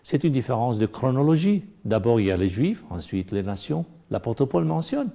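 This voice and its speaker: A man's voice: medium pitch, very animated, normal speed, creaky, mellow. A middle-aged man with a Romanian accent, earnestly discussing a Bible lesson and pressing hard on key points. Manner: earnest, rising to emphatic stress. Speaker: panelist in a Bible study discussion.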